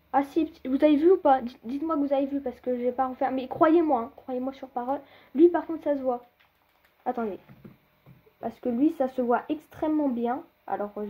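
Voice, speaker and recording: A woman's voice: sits high, a little fast, slightly rough, narrow, tinny audio. A young woman rambling through a casual gameplay commentary, talking straight to her viewers with lots of fillers and hesitations. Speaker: gaming video creator.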